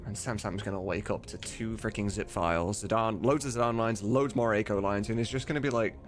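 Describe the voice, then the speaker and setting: A man livestreams while working on a game mod, talking casually and swearing informally as he mutters to himself. His lowish voice is brisk with fairly even intonation. Music plays behind him along with computer keyboard typing.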